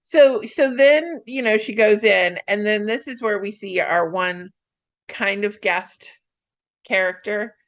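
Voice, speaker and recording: A woman co-hosting a casual chat, excitedly retelling a TV episode and acting out the characters' lines. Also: mid-range voice, lo-fi sound. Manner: excitable, acts out characters' lines in quick voices. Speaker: podcast co-host.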